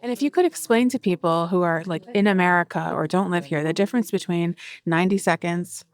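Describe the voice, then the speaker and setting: A woman conducts a conversational interview, posing curious and gently probing questions. Her voice sits a little low, and she keeps a relaxed, easygoing tone. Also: fairly quick. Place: hotel bomb shelter.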